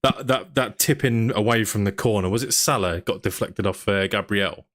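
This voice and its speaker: A man's voice: lowish voice, moderate pace, a bit bright. A young man, hosting a casual football podcast, chatting and reading out viewer comments. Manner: chatty, reads out viewer comments and asks questions. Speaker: podcast host.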